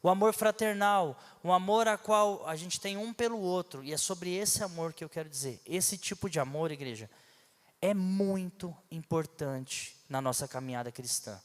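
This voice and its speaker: In a church hall with a long reverb tail, a high-pitched man preaches from the pulpit at normal speed. His sermon is conversational and instructive, peppered with asides and rhetorical questions.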